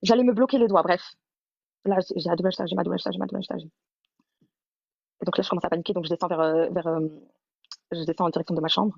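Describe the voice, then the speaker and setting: A woman's voice: fairly low pitch, steady tone, fast, creaky, pauses often, a little mellow, breathy edge, dry recording, lo-fi sound. A woman hosting a live stream, telling her own story in a rambling way, full of restarts and repeated words.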